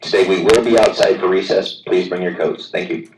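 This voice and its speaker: A man's voice: low voice, fairly even intonation, fairly quick, slight background noise. A man making a school announcement over the intercom, repeating his instructions in a plain, orderly way. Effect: school intercom loudspeaker. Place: classroom, through a wall speaker. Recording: echoey loudspeaker heard from far off.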